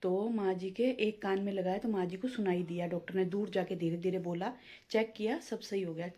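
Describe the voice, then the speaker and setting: A woman's voice: mid-range voice, fairly even intonation, brisk, warm tone. A woman telling a home story in a chatty, homely way as a vlogger. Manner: chatty and homely, peppering speech with "na" and "matlab". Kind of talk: casual storytelling vlog.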